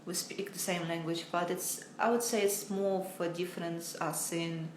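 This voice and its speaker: Speaking from home into a phone, this young American woman hosts a laid-back livestream teaching English. Her voice is fairly low and level at a moderate pace, and she comes across as chatty, unsure, and self-deprecating, often laughing. Slight background noise sits under a roomy echo.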